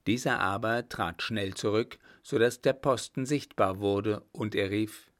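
Low-voiced male storyteller. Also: a little slow. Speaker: audiobook narrator. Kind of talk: scripted narration of an adventure novel.

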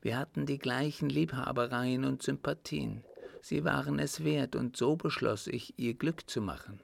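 A man reading an audiobook, voicing a rich, resolute widowed countess in a raised, softly confiding voice. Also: mid-range voice, moderate pace, creaky, a little hiss or hum, pitched above the performer's own voice.

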